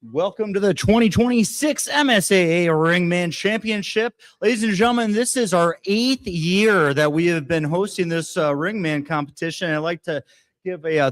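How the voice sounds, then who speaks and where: Male competition host, high-pitched voice, formal welcome loosened by casual asides. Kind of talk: welcoming announcement to an audience.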